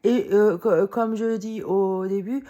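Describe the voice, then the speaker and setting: A woman's voice: mid-range voice, fairly even intonation, takes it slowly, dark tone, highs cut off. A very tired woman talking in a casual monologue, rambling and heated, full of fillers, swearing and short laughs. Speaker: vlogger. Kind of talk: casual spoken monologue to camera.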